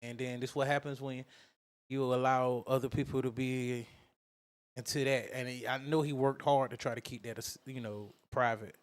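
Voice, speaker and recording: A man's voice: medium pitch, fairly even intonation, moderate pace. A man co-hosting a podcast, talking in slangy, conversational banter. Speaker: podcast co-host.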